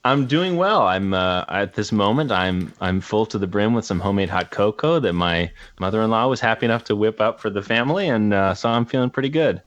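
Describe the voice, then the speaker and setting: Deep-voiced young man, rambling guest. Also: animated, fairly quick, hardly any pauses, dry recording. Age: 20s. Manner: rambling, lots of fillers and restarts. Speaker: guest, actor and musician. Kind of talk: casual interview chat. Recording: slightly dull, dry sound.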